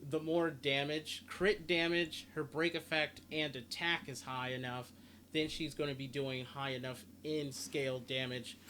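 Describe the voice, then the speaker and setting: In a mid-range, sharp-toned voice with fairly even intonation, a gaming guide creator calmly explains a video game and reads its stats aloud in a casual style. Clear game ambience and sounds run underneath.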